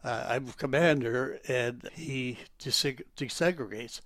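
An elderly man, a retired military veteran, reminiscing in an interview in a rambling, halting way as he searches for details. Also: medium pitch, a bit bright, dry recording, clean studio sound. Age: elderly, 80s or older. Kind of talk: oral history interview, reminiscing.

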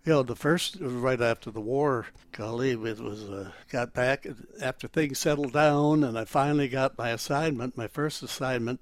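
Elderly veteran haltingly remembering his past. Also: medium pitch, dry recording. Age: elderly, 80s or older. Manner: old veteran remembering, rambling and halting, searching for details. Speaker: interviewee, retired military officer and war veteran. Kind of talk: oral history interview, reminiscing.

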